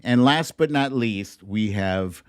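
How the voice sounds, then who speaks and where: Speaking smoothly and expressively at a slow pace, this middle-aged livestream host has a lowish voice. He rambles conversationally to his viewers through a streaming microphone at his laptop, and the recording is dry and studio quality.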